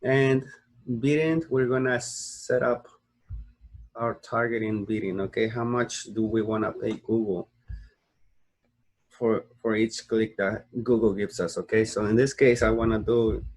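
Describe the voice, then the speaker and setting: Walking viewers through a screen recording, a drowsy young man from the United States teaches online marketing. His voice is lowish and darkish, steady and measured. He rambles, restarts, uses fillers, and checks in with "okay?"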